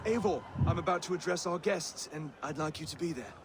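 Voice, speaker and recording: Casting: male actor as gentle medieval king, high voice, earnest formal speeches, game dialogue with noise behind. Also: close to an everyday voice. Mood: eager. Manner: measured, formal, oratorical. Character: earnest, gentle Saxon king addressing guests. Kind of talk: video game voice acting.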